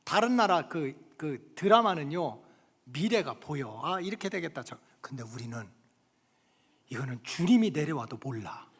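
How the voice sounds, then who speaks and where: High-voiced preacher swinging from shouts to whispers. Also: male voice, very animated, normal speed, husky. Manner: dramatic swings from loud exclamations to hushed whispers; colloquial storytelling, frequent "응?" to the congregation. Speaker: pastor. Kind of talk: sermon. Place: church sanctuary. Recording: long hall reverb of a church sanctuary.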